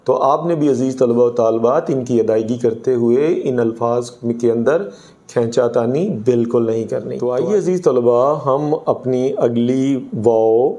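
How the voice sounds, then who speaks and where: A male Urdu teacher giving a grammar lesson to students, slowly repeating each example word. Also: mid-range voice, dark tone.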